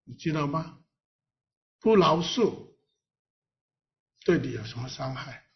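A man's voice: a little high, expressive, slow pace. A man pastor preaching a sermon in a playful way, full of rhetorical questions and reading scripture aloud. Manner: reads scripture aloud with the congregation. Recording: dull lo-fi recording.

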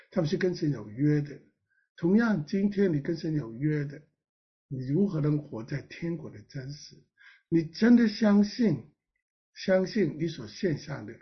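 A man preaching a sermon as pastor, earnest, with emphatic rises and soft drops. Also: on the high side, husky, muffled recording.

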